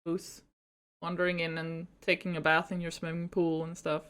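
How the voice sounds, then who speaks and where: A woman's voice: lowish voice, completely flat delivery, moderate pace, a bit bright, smooth. A woman co-hosting a podcast in casual chat, making dry, playful jokes. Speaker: podcast co-host.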